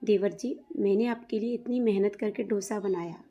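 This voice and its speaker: Figure: jealous, scheming young wife, read by a woman narrator. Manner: pushy and demanding. Tone: mellow, low brightness. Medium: storybook reading. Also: normal speed, lightly acted.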